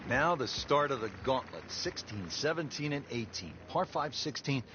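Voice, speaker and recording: A man working as lead golf commentator, calling play-by-play in a measured, polished broadcast delivery. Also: medium pitch, lively intonation. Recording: dull lo-fi game audio, noisy crowd ambience.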